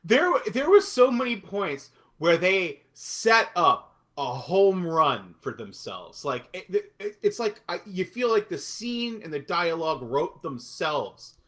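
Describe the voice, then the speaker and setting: A man co-hosting a podcast in casual chat, animated and swearing, often laughing. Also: sits high, takes it slowly, few pauses. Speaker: podcast co-host.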